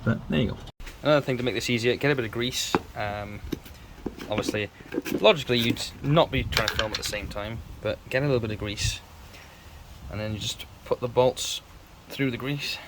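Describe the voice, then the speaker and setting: A man's voice: medium pitch, a little fast, background noise. A man doing a casual, self-deprecating how-to narration while working on his car in a garage. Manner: chatty, self-deprecating, rambling. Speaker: car build vlogger. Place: garage workshop.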